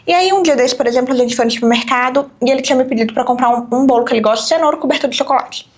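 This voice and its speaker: Woman, high voice, quick chatty storytelling, lots of fillers. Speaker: podcast host, mother. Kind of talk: casual chat.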